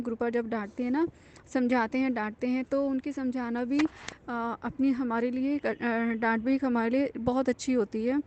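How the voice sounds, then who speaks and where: Over dull audio, a woman shares a casual devotional testimony as a devotee, giving heartfelt thanks in a high, mellow voice. Her delivery is earnest and confiding, peppered with fillers and restarts.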